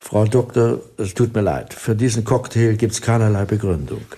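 A man's voice: on the low side, lively intonation, moderate pace, dark tone, husky. A man voicing a timid young male doctor who hesitantly protests, in an audiobook reading. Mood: protesting.

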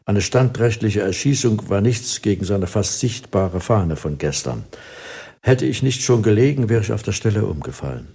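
A man reads a first-person story aloud for an audiobook, in a wry, vivid manner. His voice sits low, with a husky edge and a dark, mellow colour. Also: expressive, normal speed. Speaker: narrator.

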